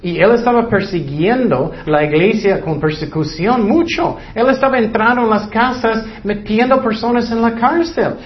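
Male preacher, high voice, plain repetitive sermon delivery, dull lo-fi recording. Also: expressive, moderate pace, hardly any pauses.

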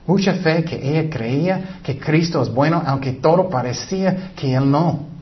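Man, preacher, sermon, high voice, emphatic, dull slightly muffled sound. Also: a little slow. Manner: earnest, emphatic, breaks into acted quotes.

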